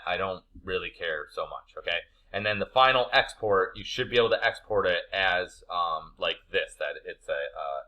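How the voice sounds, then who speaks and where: The instructor of an animation class, a man with a deep yet bright voice, talks informally through an assignment. The audio sounds dull, and his phrasing is relaxed and conversational.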